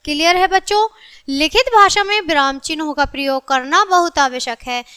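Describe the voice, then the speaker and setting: Woman teacher, very high voice, lesson for kids, checks understanding often. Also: pushed and bright. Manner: addresses children often, checks understanding with repeated questions; slows down and stresses example sentences. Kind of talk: recorded grammar lesson for children.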